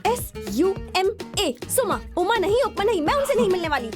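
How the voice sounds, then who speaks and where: Spirited young student, high voice, very lively, loud music behind. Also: female voice, rapid-fire. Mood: angry. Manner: flustered, then sharp and angry.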